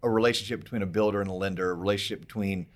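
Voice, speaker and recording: A man's voice: lowish voice, steady tone, very fast. A man hosting a podcast, explaining things in a casual, emphatic way and checking in with rhetorical questions. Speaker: podcast host.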